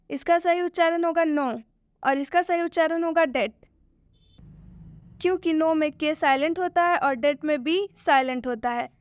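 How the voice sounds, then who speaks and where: High-voiced woman addressing students. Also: dry recording, studio quality. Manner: addresses students directly with questions. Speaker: teacher. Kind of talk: video lesson introduction.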